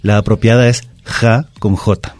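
Un hombre con acento mexicano, invitado experto en lengua, que explica reglas de ortografía en la radio con calma y tono didáctico. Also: male voice, on the low side, a little slow, no echo, faint music behind. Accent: Mexican Spanish. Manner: patient, didactic. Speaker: language expert guest. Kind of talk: explaining spelling rules on radio. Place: radio booth. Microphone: studio microphone.

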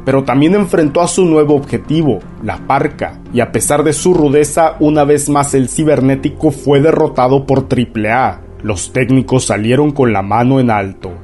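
A man narrates lucha libre history in a scripted documentary style. His voice sits at a middling pitch, with music playing behind him. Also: moderate pace, hardly any pauses, a little mellow. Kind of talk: scripted narration recounting wrestling matches. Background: background music.

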